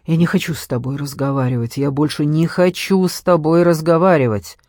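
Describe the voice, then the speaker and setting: A man's voice: fairly high pitch, brisk, darkish tone, no echo, studio quality, lightly acted. A man voicing a worn-down older mother, speaking in a strained, pleading way. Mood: defiant.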